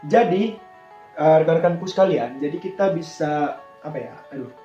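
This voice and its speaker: Here the air traffic controller's voice sits on the high side and sounds mellow, though the highs are cut off. He moves at a moderate pace through a casual tutorial, musing aloud and answering his own questions, while music plays in an echoey room.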